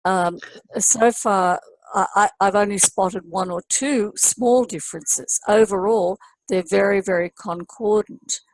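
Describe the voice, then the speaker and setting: A woman's voice: mid-range voice, a little slow, darkish tone, dry recording, poor audio. A woman hosting a panel interview, asking questions in a polite, inquiring way. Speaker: host.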